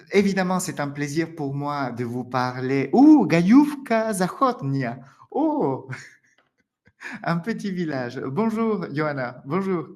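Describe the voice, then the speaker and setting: A French man teaching a live online lesson, friendly and laughing often, with a French accent. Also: medium pitch. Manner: friendly, laughs often, many "d'accord?" and "alors". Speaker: French teacher hosting a webinar.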